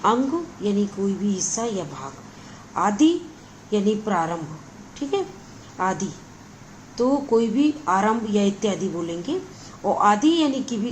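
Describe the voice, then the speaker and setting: A woman's voice: medium pitch, darkish tone, slight background noise, poor audio. Patient woman teaching a grammar lesson. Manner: patient, repeats words and adds frequent check-ins. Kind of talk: explanatory Hindi grammar lesson.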